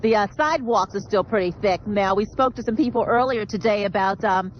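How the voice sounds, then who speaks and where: A woman's voice: mid-range voice, a little fast. A woman field reporter ad-libbing a live weather report in a hesitant, rambling way, in muffled audio. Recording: dull street audio with faint traffic noise.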